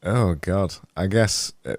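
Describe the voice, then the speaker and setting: Recorded dry and close on a boom-arm studio mic with headphones in his home studio, this Yorkshire man in his thirties hosts a casual video-call podcast interview. His voice is very low and creaky, and he talks softly and haltingly, often repeating words.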